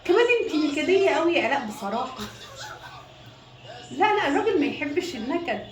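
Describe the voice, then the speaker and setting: High-voiced Egyptian woman, preachy. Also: big pitch swings, fast talker. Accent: Egyptian Arabic. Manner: preachy, insistent advice-giving. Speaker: wife in a comedy sketch. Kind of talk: comic phone-call sketch. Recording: roomy echo with loud music behind.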